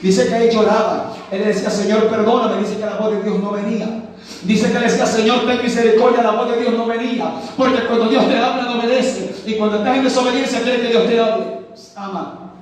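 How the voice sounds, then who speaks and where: An Ecuadorian evangelist, a man, preaches fervently in a strikingly high voice. He is recorded from far off in a very echoey space, so his words ring and wash around the room. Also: fairly even intonation, fairly quick. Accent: Ecuadorian Spanish. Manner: fervent preaching, storytelling, exhorting. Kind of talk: sermon. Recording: very echoey, distant from the mic.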